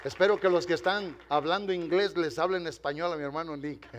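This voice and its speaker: In church, a male pastor with a voice on the high side preaches a sermon in Spanish, telling a story with dramatic pauses, asking the congregation to respond, and slipping in English phrases. The recording is muffled, with a little hiss or hum.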